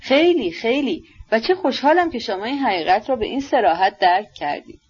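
A woman voicing a gentle, sincere young man who speaks mildly and softly, in a dull lo-fi recording. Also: on the high side, lively intonation, breathy edge. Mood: earnest, gentle.

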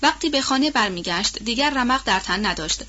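A woman narrates a novel with a steady, formal literary delivery. Her voice is bright and forceful. The audiobook recording sounds dull and lo-fi. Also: on the high side.

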